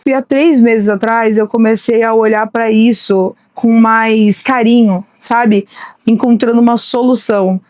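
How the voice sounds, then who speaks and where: A woman's voice: a little high, steady tone, measured pace, a little mellow, dry recording. A woman in her late thirties, hosting a podcast and talking candidly in a conversational monologue with frequent restarts. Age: late 30s. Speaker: podcast host. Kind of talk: personal monologue.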